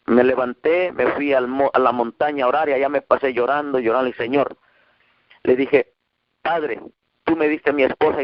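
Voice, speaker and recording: A man from Mexico preaching a testimony sermon to his congregation, telling his story with emotion and quoting the voices of others. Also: no echo. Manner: emotional storytelling, quoting dialogue with rising pitch. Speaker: pastor. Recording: dull muffled dry sound.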